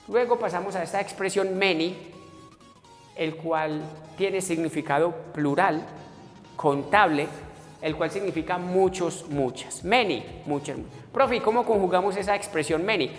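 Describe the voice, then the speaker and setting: In a recorded classroom lesson, a male English teacher with a high-sitting voice explains grammar step by step, warmly calling his students "muchachos" and voicing their questions for them. A long echo fills the room, with faint music underneath.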